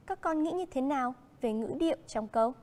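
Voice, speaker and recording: A woman with a Vietnamese accent teaching a primary school English lesson, speaking slowly and clearly and switching between English and Vietnamese. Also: sits high, expressive, darkish tone, big-room sound.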